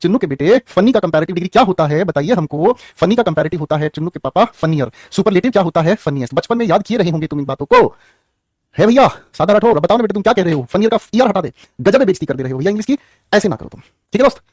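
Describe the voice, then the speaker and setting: A young man from the teaching English grammar in an online class, teasing students by name with quick jokes. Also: high-pitched, expressive, dry recording, studio quality.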